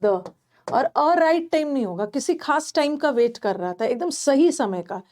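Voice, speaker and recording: A woman with an Indian English accent teaches grammar for a competitive exam. She talks slowly and patiently, going over each point more than once. Her voice sits high and clear. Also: animated, a little mellow. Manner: explains step by step, mixing Hindi with English; repeats points and checks with the class. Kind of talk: online exam-prep lesson.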